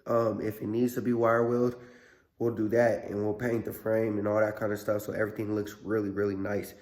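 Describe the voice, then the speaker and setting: Hoarse, low-voiced man in workshop vlog. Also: level tone, a little fast, darkish tone. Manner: laid-back, slangy, with repeated catchphrases. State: under the weather, sore voice. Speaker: host of a car repair vlog. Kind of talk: casual workshop vlog talk. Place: car workshop.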